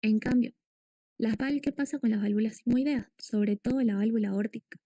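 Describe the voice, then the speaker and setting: A woman's voice: fairly high pitch, normal speed, warm tone, dry recording. A woman giving a medical lecture, explaining step by step and quizzing her students. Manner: explanatory, asks students questions.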